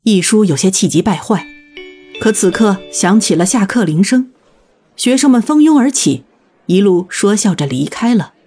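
Husky-voiced woman narrating a novel. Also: mid-range voice, lively intonation, normal speed, mellow, soft background music. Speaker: audiobook narrator. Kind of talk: scripted narration.

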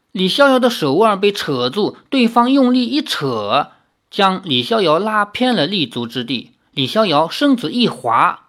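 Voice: medium pitch, a bit bright. An audiobook narrator reading a novel dramatically, with casual asides.

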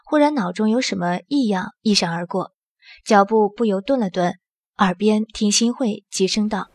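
A woman narrating an audio drama in the first person with a steady storytelling manner. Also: mid-range voice, normal speed, no room sound, studio quality.

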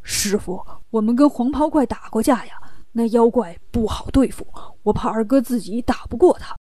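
A woman voicing a loyal, earnest male monk disciple in a children's storybook telling, low and steady. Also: normal speed, no room sound, studio quality, close to an everyday voice.

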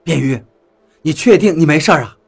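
A man's voice: high-pitched, very animated, normal speed, husky, exaggerated voice. A man voicing a skeptical, matter-of-fact male expedition member in an adventure story. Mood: doubtful.

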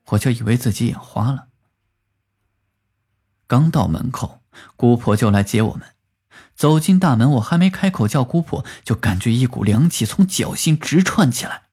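A man with a husky, breathy voice tells a spooky first-person village tale. His pitch rises and falls animatedly as he lifts into quoted speech. Faint music plays underneath. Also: normal speed. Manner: lively storytelling, lifting pitch for quoted speech. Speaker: narrator. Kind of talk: horror story narration.

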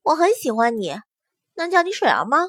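A woman reading a storybook plays a bubbly, innocent young princess with a high, lilting voice. She is sweet and eager, and the recording is dry and close. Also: wildly swooping pitch, a little fast, no room sound. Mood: cheerful.

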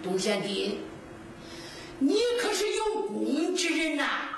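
A woman with a Henan accent voicing a sly, scheming male general in disguise who talks in a coaxing, flattering way. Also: high voice, takes it slowly, vocal fry, pitched above the performer's own voice, heavily acted. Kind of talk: Henan zhuizi storytelling, sung and spoken. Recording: echoey, distant, noisy live recording.

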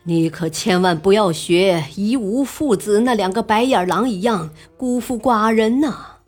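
A woman voicing a mature male ruler who speaks in a measured, regal way in a storybook reading. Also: mid-range voice, a little mellow, soft background music, close to an everyday voice. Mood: entreating.

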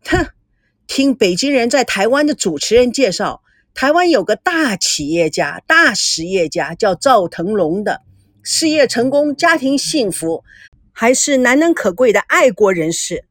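A woman's voice: a little high, sing-song, measured pace, no echo, studio quality. A woman voicing a stubborn older father who speaks curtly and sarcastically. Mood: sarcastic. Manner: curt, grumbling, sarcastic. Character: gruff stubborn older father, a company chairman.

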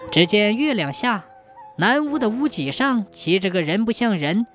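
A woman narrating a folk tale in a plain, steady way. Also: medium pitch, normal speed, faint music behind. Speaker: storyteller.

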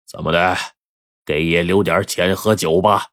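A man voicing a ruthless, mocking male bandit leader in a told tale, gruff and sneering. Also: low voice, fairly even intonation, measured pace, a bit bright, no echo, studio quality.

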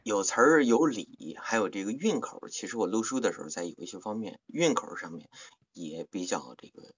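A man's voice: lowish voice, expressive, fairly quick, husky, dull audio. A man hosting a casual livestream chat, explaining things at length with playful asides. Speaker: livestream host and audiobook narrator.

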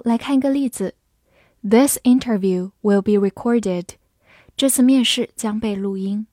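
A woman teaching English vocabulary in a scripted lesson, spelling out words letter by letter and reading example sentences slowly. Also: fairly high pitch, a little mellow, dry recording, studio quality.

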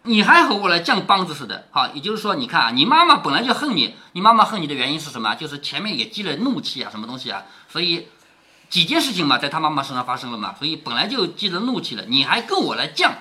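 Male storyteller-commentator, lively pitch, explains and checks in with listeners. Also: quick pace. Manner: explanatory, asking listeners rhetorical questions. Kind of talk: reading a classic novel aloud with commentary.

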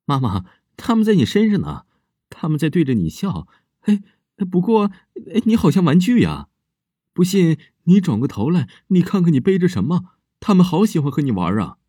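A man's voice: a little high, very animated, normal speed, warm tone, breathy edge, no echo, clean studio sound, voice pushed up. A man doing a creepy little girl who sees ghosts. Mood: sweetly eerie. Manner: childlike, sing-song and sweetly creepy.

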